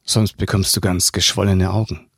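A man's voice: sits low, little pitch movement, moderate pace, creaky, slightly rough, no room sound, clean studio sound, exaggerated voice. A man reading aloud and voicing a cold, stern woman who takes a child away and speaks in curt commands.

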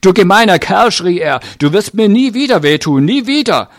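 A man voicing a small, desperate runaway boy who shouts shrilly in an audiobook reading. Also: animated, moderate pace, gravelly, no room sound, studio quality. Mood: furious. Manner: shrill, shouting, then whispering.

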